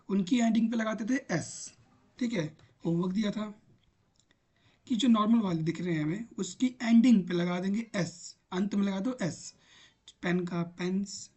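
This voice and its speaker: Male teacher, unhurried and patient, walks pupils through examples one by one. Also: sits high, a little mellow, breathy edge. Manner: patient, repeats examples aloud; talks while typing on screen. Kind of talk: online grammar lesson.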